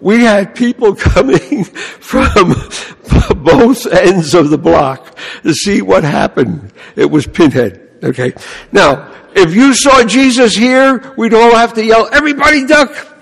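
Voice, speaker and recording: An older man from the Bronx with a New York accent, a priest giving an animated sermon and telling stories, often asking "huh?" and "you know". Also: high voice, takes it slowly, vocal fry, breathy edge, big-room sound.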